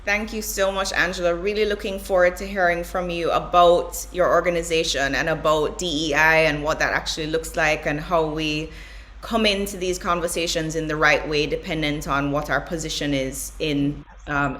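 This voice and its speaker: A woman with a low voice hosts a panel discussion. She is polite and appreciative as she thanks and introduces speakers. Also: fairly even intonation, normal speed, fairly bright tone. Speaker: panel host.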